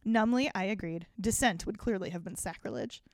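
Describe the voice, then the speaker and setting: A woman's voice: mid-range voice, brisk, darkish tone, no echo, clean studio sound. A woman co-hosting a comedy podcast, reading a story aloud and laughing often mid-sentence.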